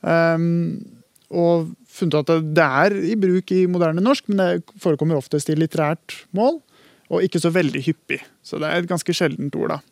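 A man's voice: a little high, fairly even intonation, vocal fry, no room sound, studio quality. A man, a language expert on a radio talk show, explaining carefully and hesitantly with many fillers and restarts. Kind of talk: radio discussion.

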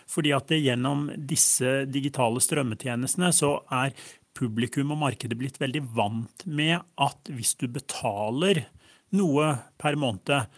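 Man, academic expert, explanatory interview talk, average pitch, dry close sound. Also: no room sound. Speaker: media researcher being interviewed.

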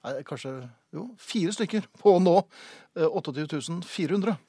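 Gravelly, teasing radio host. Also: male voice, sits high, lively intonation, mellow, no room sound, studio quality. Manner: teasing, quick questions. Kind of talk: comedic radio banter. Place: radio studio. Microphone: studio microphone.

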